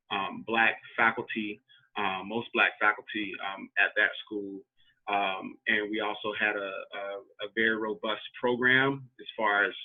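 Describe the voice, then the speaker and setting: A man in his thirties from Tampa, Florida, answering interview questions hesitantly, with many ums and false starts. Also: fairly low pitch. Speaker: interview guest. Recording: tinny phone-like line.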